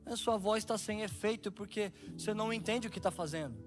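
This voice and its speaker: A man preaching a sermon in a lively storytelling way, often acting out the voices of people in his stories. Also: high-pitched, a little fast, over music. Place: church stage.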